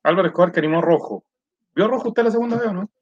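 A man co-hosting a talk show, cutting in with quick teasing remarks. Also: high-pitched, dull audio. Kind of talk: casual chat.

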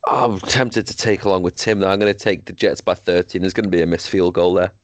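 A man's voice: low voice, fairly even intonation, fast, no room sound. A man hosting a casual sports podcast, leading the segment with frequent restarts. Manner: leads the segment, many restarts. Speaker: podcast host.

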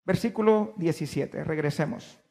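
A man preaching a sermon to his congregation, stressing key words by drawing them out slowly and putting questions to his listeners. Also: on the high side, gravelly, mellow, in a large hall. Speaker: pastor. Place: church.

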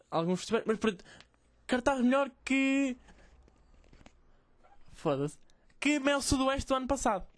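A man's voice: very high voice, dry recording. A man, hosting a podcast as a rambling, profane, self-mocking comic monologue. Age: 20s. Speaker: podcast host.

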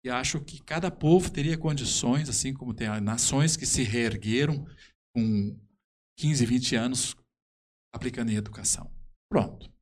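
Speaking at medium pitch, this man with a southern Brazilian accent shares stories as a musician guest in a relaxed interview. His delivery is halting and emphatic.

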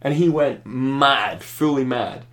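A man's voice: mid-range voice, slow, a bit bright. A man chatting casually about a film, thoughtful and rambling, often restarting his sentences. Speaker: film reviewer. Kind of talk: casual podcast chat.

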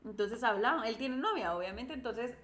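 A woman's voice: fairly high pitch, animated, moderate pace, fairly bright tone, echoey room. A young woman with a Guatemalan accent, teasing and asking questions in a slangy chat with friends. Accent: Guatemalan Spanish. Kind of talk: casual chat among friends.

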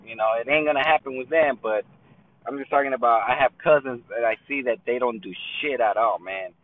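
A man's voice: mid-range voice, brisk, dry recording. A man calling in to a show, rambling and cursing with lots of "man" fillers. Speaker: caller. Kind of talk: voicemail call-in. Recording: tinny phone line.

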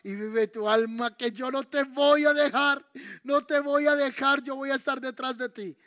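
A devoted young male disciple refuses to leave his master, earnest and stubborn, as a preacher acts him out in a sermon. The voice sits very high for a man. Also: fairly even intonation, normal speed, bright, forceful tone.

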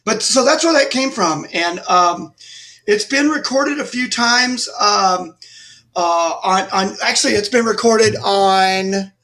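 A middle-aged man from Texas, a guest musician telling animated anecdotes in a casual interview. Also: high voice, slow. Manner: animated anecdotes with lively acted-out quotes.

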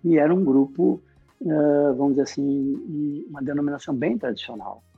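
A man giving an emotional sermon testimony, telling his story with many halting restarts. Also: fairly high pitch, lively intonation, breathy edge, no room sound, phone-quality sound, soft background music.

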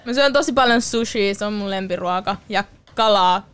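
A woman's voice: mid-range voice, a bit bright, clear, resonant tone, no echo. A woman guest on a casual podcast, chatting in a bubbly way.

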